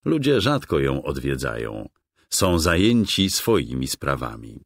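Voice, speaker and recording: Slow low-voiced male storyteller. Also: no echo. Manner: calm, gentle storytelling. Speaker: narrator. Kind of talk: scripted children's story narration. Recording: dry close studio voice-over.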